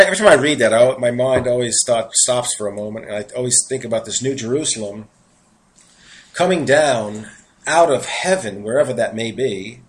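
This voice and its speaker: A man with a New York accent preaches a sermon, reading scripture aloud and breaking off for earnest, conversational asides between verses. His voice is mid-range, and the recording quality is low.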